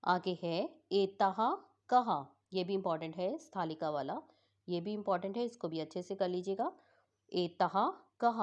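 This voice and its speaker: A woman teacher patiently explaining a school lesson for exam revision, repeating each word slowly. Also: fairly low pitch, a little mellow.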